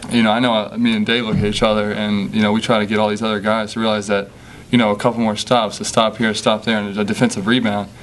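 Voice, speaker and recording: A young man, a college basketball player, answering questions at a postgame press conference at a table mic, halting with many fillers. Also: fairly low pitch, level tone. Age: young adult. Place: press conference room with sponsor backdrop. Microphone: table microphone.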